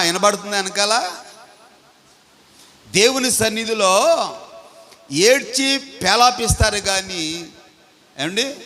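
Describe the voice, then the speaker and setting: A man's voice: high voice, pushed and bright. A pastor preaching a sermon, questioning his congregation and having them read scripture aloud. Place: large church hall. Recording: long hall reverb.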